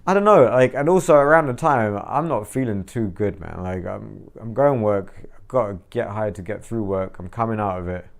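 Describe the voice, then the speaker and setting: A man looking back on his band days in casual chat, musing and halting, often saying "man" and "you know". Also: on the low side, creaky. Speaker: former band member.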